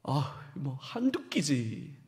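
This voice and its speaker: A man's voice: fairly high pitch, big pitch swings, extremely slow, a little mellow, voice pushed down, full character voice. A man preaching, voicing a fed-up, grumbling Israelite who complains about the heat and the food. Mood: whiny. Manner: complaining, exasperated. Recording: long church-hall reverb.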